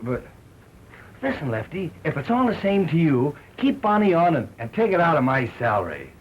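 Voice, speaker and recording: An actor playing a good-hearted, bashful young stage comic in an early talkie film, halting and folksy. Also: male voice, a little high, very animated, breathy edge, muffled recording. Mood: sheepish, earnest. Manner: halting, folksy, stammering slang. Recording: noisy 1929 film soundtrack.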